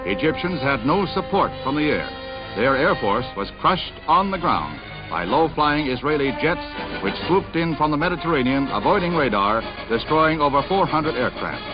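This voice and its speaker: A man giving scripted narration for an old newsreel, in a brisk and dramatic announcer's delivery. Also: on the high side. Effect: old newsreel recording. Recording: dull lo-fi newsreel sound with music behind.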